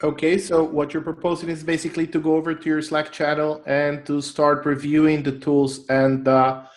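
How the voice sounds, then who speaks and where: A man's voice: on the high side, completely flat delivery, normal speed. A man moderating an online conference session, upbeat and encouraging. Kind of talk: live moderating. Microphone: video call.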